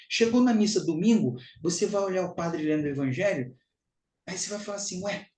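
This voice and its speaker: A man's voice: high voice, a little mellow, echoey room, a little hiss or hum, low-quality recording. A Brazilian man giving a spiritual teaching talk, emphatic and repetitive, calling his listeners brothers and sisters.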